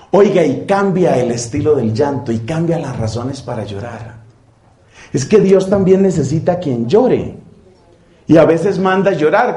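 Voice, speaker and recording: A man, a priest giving a conversational sermon that mixes scripture and gentle humor. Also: on the high side, echoey room. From Colombia. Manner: conversational preaching with quoted prayers and humor.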